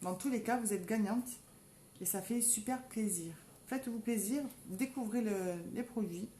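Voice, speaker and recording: A woman's voice: medium pitch, normal speed, dark tone, a little hiss or hum. A woman with a southern French accent, chatting casually to viewers in a live makeup tutorial and calling out to them constantly. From south of France. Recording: roomy echo, faint background ambience.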